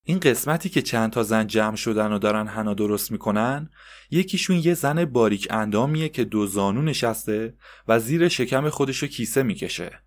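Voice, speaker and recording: A man narrating a story in a steady, descriptive way with occasional conversational asides. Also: lowish voice.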